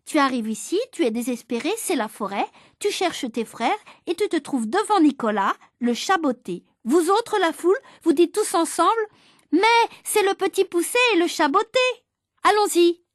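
A woman's voice: extremely high pitch, lively intonation, normal speed, no room sound, clean studio sound. A woman voicing a stern, exasperated schoolteacher who gives firm, raised orders to her class. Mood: directing.

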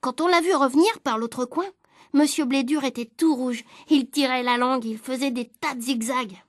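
A woman with a high voice reads a children's story aloud, narrating as a young boy in a lively, expressive way. The sound is close and dry, with no room echo. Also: normal speed.

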